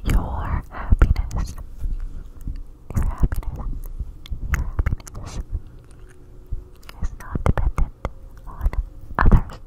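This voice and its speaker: Young woman doing a whispered asmr pep talk, super slow n breathy, right up on the mic, encouraging. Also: rough recording. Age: young adult. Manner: slow, deliberate, repetitive, encouraging. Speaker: ASMR host. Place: small room indoors. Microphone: desktop microphone, very close with hands cupped around it.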